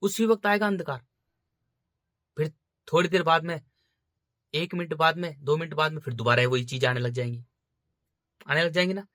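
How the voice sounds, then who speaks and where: A man's voice: on the high side, normal speed, long pauses, pushed and bright, dry recording, clean studio sound. A man giving informal spiritual preaching, urging his listeners again and again and calling them brothers. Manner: insistent, repetitive exhortation. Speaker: spiritual speaker.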